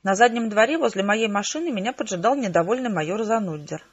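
Female audiobook narrator, husky, mid-pitched, muffled lo-fi audio. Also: lively intonation, quick pace. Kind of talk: first-person audiobook narration.

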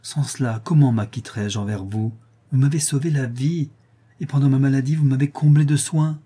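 A man reading an audiobook and voicing a gentle, modest, polite young girl. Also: medium pitch, fairly even intonation, moderate pace, husky, voice pushed up, natural voice. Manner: soft and polite.

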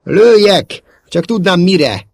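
A man's voice: fairly low pitch, sing-song, darkish tone, no room sound, studio quality. A man doing a sarcastic cocky smuggler. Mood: exasperated. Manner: mock-polite, grumbling.

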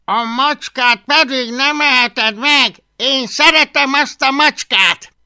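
A man's voice: high voice, expressive, bright, forceful tone, no echo, clean studio sound, pitched above the performer's own voice, heavily acted. A man voicing an exasperated young Viking boy who strains and pleads with his dragon in an audiobook.

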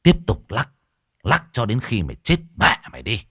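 A man's voice: fairly low pitch, wildly swooping pitch, normal speed, fairly bright tone, no room sound, studio quality, full character voice. A man doing a hot-tempered old exorcist. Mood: furious. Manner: gruff, cursing outbursts.

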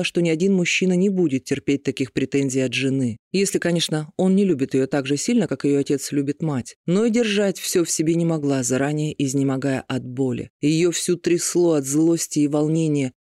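A man narrating an audiobook with even, measured storytelling. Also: fairly high pitch, no room sound, clean studio sound. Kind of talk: scripted narration of a romance novel.

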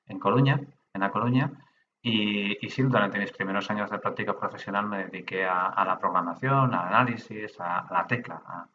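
A middle-aged data protection official from Spain's Basque Country joins a podcast remotely from his own room, explaining things conversationally with many restarts and hesitations. His voice sits on the low side at a normal speed, and the recording is muffled with slight background noise.

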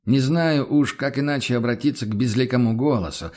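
Man reading a measured, firm inquisitor. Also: medium pitch, darkish tone, close to an everyday voice. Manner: measured, formal, cautious. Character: wary male inquisitor, calm and firm. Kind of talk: audiobook character voice.

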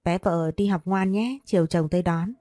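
A woman's voice: fairly low pitch, moderate pace, warm tone, no room sound, lightly acted. A woman voicing a doting, possessive older man who speaks tenderly but bossily to his young lover in a storybook reading. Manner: tender, teasing, bossy.

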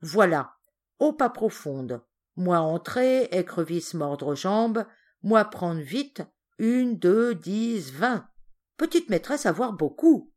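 A woman voicing a devoted adult male servant who talks in slow, clipped, broken French. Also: medium pitch, sing-song, darkish tone. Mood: eager.

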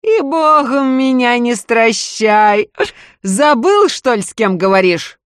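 A woman's voice: a little high, expressive, takes it slowly, clean tone, no room sound, studio quality, voice pushed up. A woman voicing a toothless, one-eyed male village sorcerer, drawling and taunting in a storybook reading.

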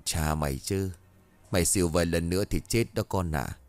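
A man voicing a blunt, rough-spoken old village grandmother in a spoken ghost story. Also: sits low, moderate pace, pitched below the performer's own voice. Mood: teasing.

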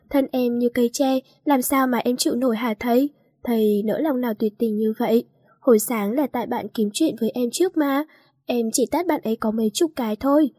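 A woman's voice: on the high side, a little mellow, slightly rough, no room sound, studio quality. A young woman voicing a cheeky, mischievous schoolgirl who whines and begs. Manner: whining, pleading, sly.

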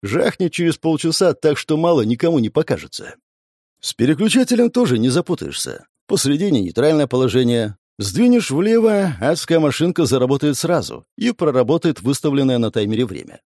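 A man narrating a first-person audiobook in a lively, expressive reading. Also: on the high side, fairly quick, no room sound, clean studio sound.

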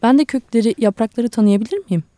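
A woman's voice: a little high, fast talker, dark tone, no echo, studio quality, lightly acted. Şükriye, a curious little girl voiced by a woman. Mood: earnest. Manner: polite, eager questions. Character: small girl, curious and earnest.

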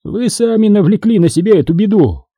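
A man's voice: high-pitched, expressive, fairly quick, mellow, breathy edge, dry recording, dull audio, pitched above the performer's own voice. A man reading an audiobook, voicing a cruel, imperious male Sith lord who gives orders. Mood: commanding. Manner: imperious, commanding.

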